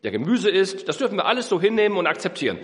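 A man preaching a sermon, swinging between emphatic high peaks and low, slow earnest passages. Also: big pitch swings, fairly bright tone. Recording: echoey hall.

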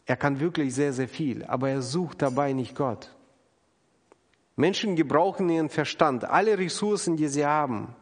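A man's voice: on the high side, moderate pace. A man preaching an earnest, emphatic sermon, acting out the people he quotes. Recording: long hall reverb.

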